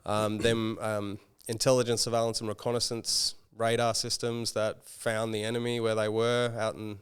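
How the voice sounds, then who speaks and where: A man's voice: on the low side, moderate pace, smooth. A man of about forty with an Australian accent, a startup founder and former army officer, talking casually as a podcast guest and laughing easily. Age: around 40. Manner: relaxed and chatty, laughs often.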